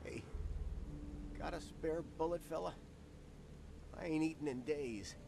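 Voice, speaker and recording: A man's voice: on the high side, measured pace, gravelly, noisy background. A man playing a hungry, down-on-his-luck townsman in a 1920s-set video game, plaintive and grumbling. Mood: pleading. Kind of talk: video game character acting.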